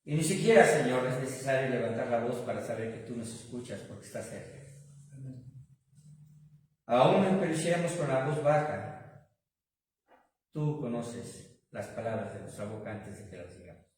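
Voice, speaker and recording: A man's voice: mid-range voice, lively intonation, normal speed, darkish tone. A man with a Mexican Spanish accent, preaching a sermon and then leading a long prayer, calling the congregation brothers and asking them rhetorical questions. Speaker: pastor. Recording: echoey hall, from far off the mic.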